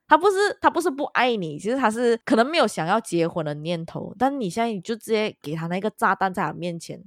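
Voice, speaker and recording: A woman's voice: mid-range voice, big pitch swings, fast, dry recording, studio quality. A woman co-hosting a casual chat, telling a long story and dropping English words into her speech. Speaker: podcast co-host.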